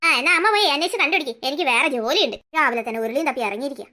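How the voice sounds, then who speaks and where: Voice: high voice, lively intonation, racing, bright, forceful tone, voice pushed down. A voice actor playing a harried adult son in a cartoon story, who answers his mother impatiently. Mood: exasperated. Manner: exasperated, dismissive.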